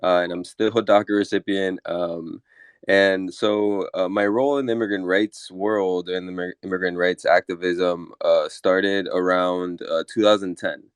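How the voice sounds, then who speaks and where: A man in his thirties from Chile speaks low and smooth, measured and with many little fillers. The sound is dry and close, with no room around it. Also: steady tone, dry recording. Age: 30s. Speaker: deputy chief of staff. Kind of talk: panel discussion introduction. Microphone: audio-only online talk.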